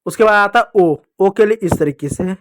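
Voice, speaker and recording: A man teaching a children's reading lesson, drawing out sounds slowly and asking and answering his own questions. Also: high voice, no echo, clean studio sound.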